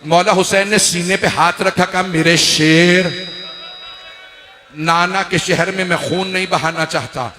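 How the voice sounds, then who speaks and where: A man from Pakistan delivering a mourning sermon, retelling scenes with voiced quotes, swinging from hushed low tones to loud drawn-out wailing cries. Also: steady tone. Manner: builds to high wailing cries, then drops to hushed quiet; urges the audience to look at him. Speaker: religious scholar preaching a majlis.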